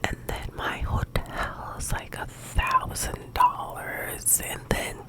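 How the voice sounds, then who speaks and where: A woman speaking in a hushed, breathy whisper, quiet as if late at night, rambling casually in halting phrases like a personal ASMR chat. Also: extremely high pitch. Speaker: ASMR video host.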